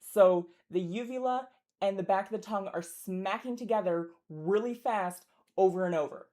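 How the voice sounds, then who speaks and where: A woman's voice: medium pitch, normal speed, mellow. A woman teaching pronunciation as a linguist, explaining carefully and articulately and demonstrating speech sounds, with a throaty r in German example words.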